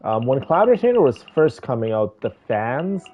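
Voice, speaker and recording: With a sing-song lilt at a moderate pace, this male streamer keeps up casual, gushing commentary on his game, addressing viewers directly. His pitch sits in the middle, the sound is muffled and narrow-band, and music plays behind him.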